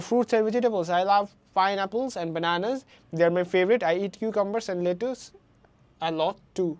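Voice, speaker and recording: A woman from Bangladesh teaching a primary English lesson online. She mixes Bangla and English and reads the example sentences slowly. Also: fairly low pitch, darkish tone.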